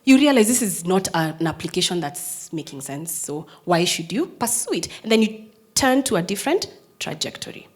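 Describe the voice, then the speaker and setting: With a lowish, breathy-edged voice, a Kenyan-accented prosecutor in her thirties gives a very animated personal storytelling talk at normal speed. She sounds strong and firm, going from hushed, whispered lines to loud, emphatic declarations.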